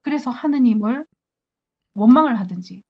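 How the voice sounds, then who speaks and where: Earnest nun giving a spiritual talk. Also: female voice, on the high side, animated, moderate pace, highs cut off. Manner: earnest, acts out her own prayers to God.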